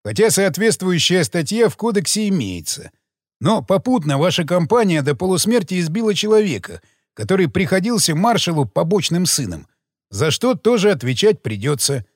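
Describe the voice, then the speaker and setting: A man doing a slow, knowing detective. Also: high voice, sing-song, no echo, clean studio sound. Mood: measured.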